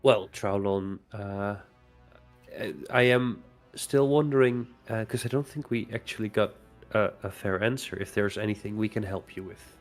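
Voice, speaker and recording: A man's voice: on the low side, moderate pace, soft background music. A man playing in a tabletop role-playing game, chatting casually and asking questions in character. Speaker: player.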